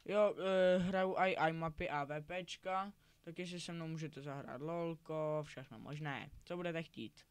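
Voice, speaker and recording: Teen boy, fairly high voice, rambling casual game commentary. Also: steady tone, few pauses, clear, resonant tone, no room sound. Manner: rambling, self-correcting, chatty. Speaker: gaming YouTuber.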